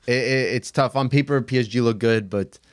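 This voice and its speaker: A man co-hosting a football podcast in casual chat, excitable and quick to exclaim and plead. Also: medium pitch. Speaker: podcast co-host.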